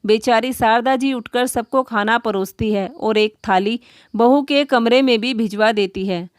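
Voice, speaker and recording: A woman's voice: on the high side, unhurried, smooth, dry recording, clean studio sound. Woman narrating a moral story.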